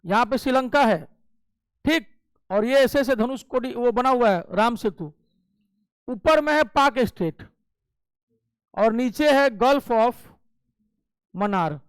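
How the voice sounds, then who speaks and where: High-voiced man teaching an exam class. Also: animated, slow, long pauses, smooth, dry recording. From Bihar. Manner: explains step by step with frequent "ठीक है" check-ins. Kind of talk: exam coaching lecture.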